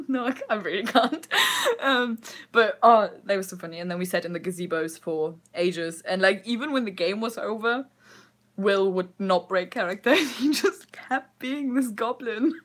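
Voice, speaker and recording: A young woman chats through a story in a casual vlog, with a voice of middling pitch. She giggles often and rambles, filling her sentences with ums and restarts. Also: normal speed. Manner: giggly, laughs often while telling stories; rambling, with many fillers and restarts. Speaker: vlogger.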